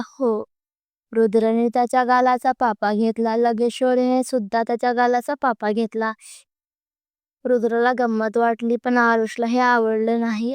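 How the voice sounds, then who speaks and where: A woman's voice: a little high, darkish tone, clear, resonant tone, no room sound. A woman narrating a love story aloud, reading plainly and sometimes restarting her words.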